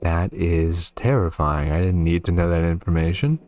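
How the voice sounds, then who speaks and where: Reacting to a horror game and reading its on-screen text out loud, this gaming video host speaks at a moderate pace in a low, darkish voice. Game music runs in the background.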